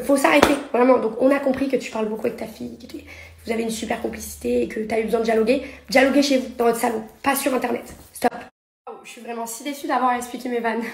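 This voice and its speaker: A young woman with a high voice vents into her phone at arm's length, sarcastic, indignant and firing off one jab after another. The room around her rings with a noticeable echo, like a bare apartment. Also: creaky, a little mellow, slight background noise. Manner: indignant, sarcastic, rapid-fire. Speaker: reality TV personality and influencer. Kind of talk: social media story rant. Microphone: phone held at arm's length.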